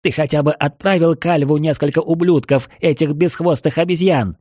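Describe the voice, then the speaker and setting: A man's voice: on the high side, steady tone, brisk, a little mellow, no echo, studio quality, voice pushed up, lightly acted. A man voicing a fierce, proud elderly elf woman held prisoner, hissing and scornful.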